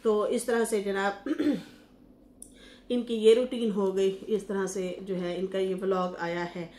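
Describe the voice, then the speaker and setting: A woman talks through celebrity gossip in a loose, chatty way, stopping on fillers and restarting her words. Her voice sits at a middle pitch for a woman. The room around her gives the sound a roomy echo. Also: little pitch movement, slow pace, a little mellow. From Pakistan. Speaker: YouTube commentator. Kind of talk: casual reaction commentary.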